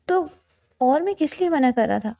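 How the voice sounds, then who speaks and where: Woman doing a stern commanding young husband, firm, gravelly, storybook reading. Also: high-pitched, expressive, dark tone, pitched above the performer's own voice. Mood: angry.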